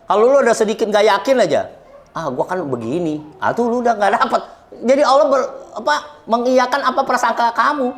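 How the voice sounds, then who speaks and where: A man's voice: very high-pitched, quick pace. A middle-aged man from Indonesia, a guest talking bluntly and joking as he tells his story. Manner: blunt, joking, laughs often, preachy. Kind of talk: casual chat.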